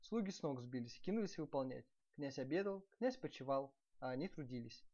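A man hosting a podcast, reading a bedtime fairy tale in a lively, expressive way. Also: mid-range voice, fairly quick. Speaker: podcast host and storyteller. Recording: dull lo-fi recording.

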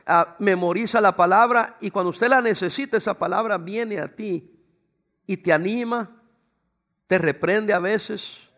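A man's voice: high voice, unhurried, fairly bright tone. A man preaching as a pastor, talking to his congregation in a conversational way and acting out short exchanges. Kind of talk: sermon.

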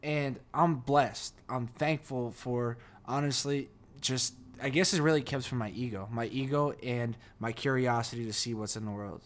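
A man in his twenties with a New Jersey accent chats candidly at a table in a shared house, swearing freely. His mid-range voice moves at normal speed with few pauses, and there's slight background noise.

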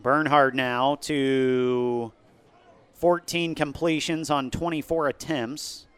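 A man doing live football play-by-play, calling each play briskly as it happens. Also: medium pitch, fairly even intonation, clean tone. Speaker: play-by-play announcer.

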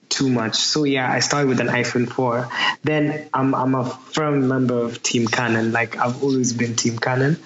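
A man in his twenties from Nairobi with a Kenyan accent, chatting casually as an interview guest, often saying "like". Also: mid-range voice. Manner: chatty, frequent use of "like". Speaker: photographer being interviewed. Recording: roomy, dull, faint background noise.

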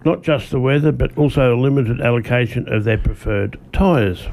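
A man's voice: medium pitch, normal speed, gravelly, a little mellow. An Australian man co-hosting a radio motorsport show, reading a scripted report aloud from his notes and stumbling now and then. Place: radio studio.

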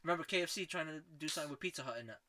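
A man's voice: on the high side, racing, a crowd in the background. A young man with a London roadman accent in a casual, slang-heavy chat with friends. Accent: London, urban street slang. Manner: slangy, repeats bruv and blood.

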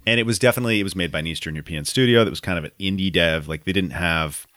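Man, very low voice, dry room, enthusiastic casual storytelling, podcast co-host. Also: rapid-fire, a bit bright, no echo. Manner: enthusiastic storytelling, filler "like" throughout. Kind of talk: casual gaming chat.

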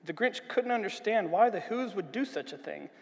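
A man reading a storybook aloud in a church, with a steady, expressive delivery. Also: high-pitched, moderate pace, creaky, long reverb tail, low-quality recording. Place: church hall.

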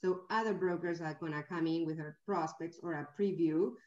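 A woman's voice: on the low side, steady tone, brisk, darkish tone. A woman real estate agent on a video call, asking careful, polite questions. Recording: distant, dull, roomy sound.

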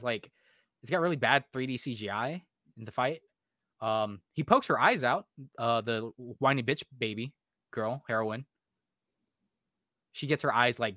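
A man's voice: medium pitch, sharp tone, no room sound, clean studio sound. A young man co-hosting a casual podcast, ranting sarcastically and swearing a lot, full of "like" and "um". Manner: frequent fillers like "like" and "um". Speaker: podcast co-host. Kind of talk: casual podcast review chat.

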